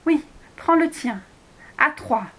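A woman's voice: sits high, lively intonation, takes it slowly, fairly bright tone, voice pushed up, full character voice. A woman voicing a bold, eager young schoolgirl in a read-aloud storybook.

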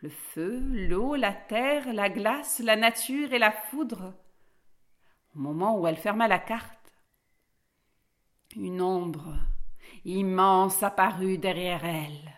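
A woman reading a children's fairy tale aloud in an expressive, lilting way. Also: mid-range voice, slow pace, pauses often. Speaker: storyteller.

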